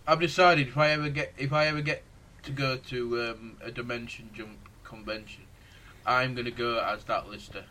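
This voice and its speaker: A man's voice: medium pitch, steady tone, moderate pace, pushed and bright. A man co-hosting a podcast, bantering casually about sci-fi with dry, teasing humour. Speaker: podcast co-host. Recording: clear background noise.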